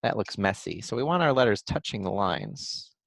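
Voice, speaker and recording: A man models writing for young children, stretching out sounds and syllables as he goes. His voice has a gravelly edge and rises and falls a lot. The sound is dry and close. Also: fairly low pitch, very animated, no room sound. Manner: slow, sounds out letters and syllables aloud; thinks aloud in a gentle encouraging way. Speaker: kindergarten teacher.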